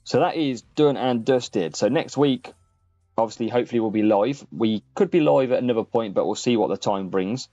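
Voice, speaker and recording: A man's voice: mid-range voice, normal speed, warm tone, no echo. A man casually commentating on a live gaming stream, chatting to viewers and addressing them by name. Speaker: streamer and host of a gaming channel. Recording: muffled lo-fi sound, music behind. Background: faint background music.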